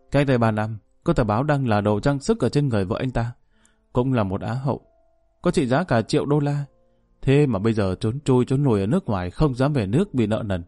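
A man's voice: mid-range voice, warm tone, dry recording, natural voice. A man voicing a grown daughter who coaxes and presses her father insistently. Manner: coaxing, insistent. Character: grown daughter, persistent and coaxing.

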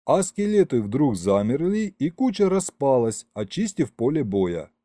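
A man reads a fantasy adventure aloud in the first person. His voice is mellow and dark, and his pitch moves lively through the story. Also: measured pace, no echo. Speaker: audiobook narrator. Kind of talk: scripted narration.

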